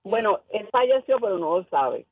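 A woman's voice: medium pitch, very animated, moderate pace, slight background noise. A woman calling into a radio show, friendly and offering blessings. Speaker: caller. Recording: tinny phone line.

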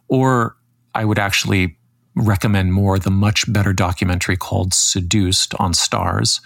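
A man hosting a podcast, reading scripted commentary in a measured, critical way. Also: fairly low pitch, vocal fry, dry recording. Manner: measured, critical, reads quotes aloud. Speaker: podcast host.

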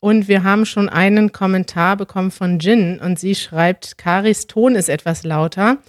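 A woman's voice: mid-range voice, moderate pace, dry recording, clean studio sound. Chatty woman hosting a live podcast. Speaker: podcast host. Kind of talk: casual live podcast chat. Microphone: close studio mic.

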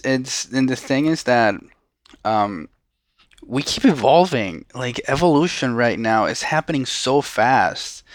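A man's voice: medium pitch, dry recording. A man from Venezuela whose first language is Spanish, a guest on an interview show, talking earnestly and often restarting his sentences. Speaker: guest, social entrepreneur. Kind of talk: casual interview talk.

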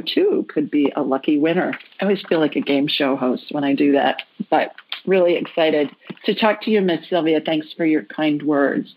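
Woman podcast host, lowish voice, upbeat and chatty, slightly muffled recording. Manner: chatty and upbeat, with quick asides. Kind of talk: casual chat.

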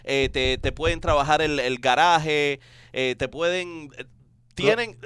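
A man's voice: on the high side, measured pace, a bit bright, clean tone, no room sound, clean studio sound. A male host joking through sponsor plugs in casual banter, hesitant with many filler sounds and frequent laughs. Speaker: radio show host.

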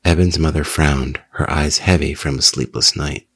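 A man hosting a horror story podcast, narrating in a measured, ominous way. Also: rumbling low, fairly even intonation, slightly rough. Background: music.

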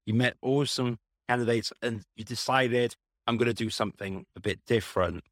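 A man's voice: medium pitch, fairly quick, no room sound, clean studio sound. A man from Wales, hosting a podcast in a chatty, informal way. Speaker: podcast host. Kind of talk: casual podcast conversation.

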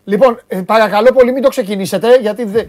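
A man hosting a sports talk show, chatting casually and teasing his co-host with loud exclamations. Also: high-pitched. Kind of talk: casual studio chat.

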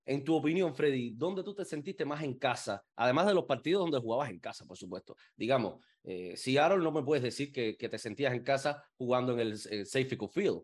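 A man's voice: medium pitch, lively intonation, fairly quick, few pauses. A man with a Cuban Spanish accent, co-hosting a podcast, asking questions in a chatty, playful way. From Cuba. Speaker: podcast co-host. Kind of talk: casual podcast interview.

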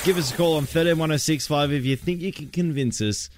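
A man's voice: fairly high pitch, fast, noisy background. An Australian man co-hosting radio with casual, wry, questioning banter. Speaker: radio host.

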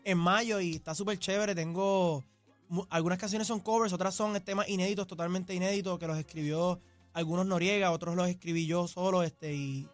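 A man's voice: high voice, steady tone, brisk, soft background music. A young man, a salsa singer guesting on a radio show, joking and playful in casual chat.

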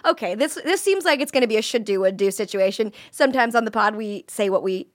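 A young woman hosting an advice podcast in a casual, chatty way, laughing often and tossing in quick asides. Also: medium pitch, animated, no echo, studio quality. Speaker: podcast host. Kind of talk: casual chat.

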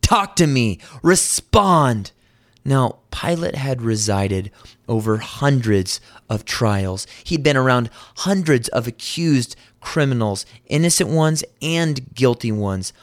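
A man's voice: medium pitch, lively intonation, slow, dry recording, clean studio sound. A man preaching a sermon, telling the story earnestly and voicing the quoted lines with rising intensity.

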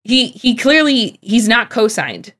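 A woman's voice: on the high side, very animated, a little slow, a bit bright. A woman co-hosting a casual podcast, thinking aloud in a thoughtful, analytical way with many fillers and restarts. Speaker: podcast co-host.

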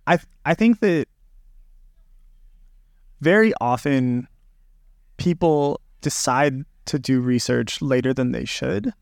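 A man's voice: mid-range voice, expressive, takes it slowly, creaky, long pauses, no echo, clean studio sound. A man who is a podcast guest, talking over research practice in a reflective, loose way with many fillers and restarts. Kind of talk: casual podcast conversation.

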